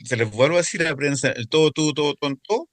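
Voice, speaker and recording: A man's voice: on the high side, fast. A man teaching a Greek grammar class, patiently repeating word forms for students to echo. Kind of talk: classroom lecture.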